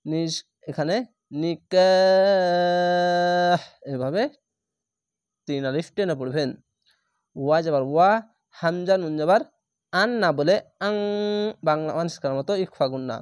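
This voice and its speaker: A man with a Bangladeshi Bengali accent teaching Quran reading, spelling out each letter slowly and then chanting the words. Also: a little high, darkish tone, dry recording, studio quality. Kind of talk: spelling out recitation lesson.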